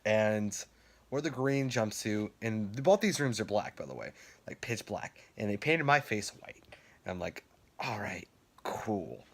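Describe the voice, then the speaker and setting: A young man with a fairly low voice tells stories casually. He rambles and swears freely, and he laughs now and then. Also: expressive, unhurried. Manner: rambling, profane, laughs while telling. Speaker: vlogger. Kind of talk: casual storytelling.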